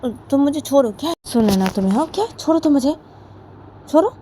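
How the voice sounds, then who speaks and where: A woman's voice: sits high, lively intonation, quick pace, mellow, a little hiss or hum, pitched above the performer's own voice. A woman voicing a fiery, irritated young woman who snaps and keeps demanding to be let go. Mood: shrill anger. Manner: snappish, repeats "let go of me".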